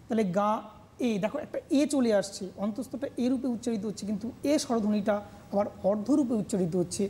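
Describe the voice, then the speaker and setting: A Bengali-accented woman teaching grammar on a TV lesson, slowly repeating words to drill their pronunciation. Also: medium pitch, warm tone, slight background noise. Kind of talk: televised classroom lesson.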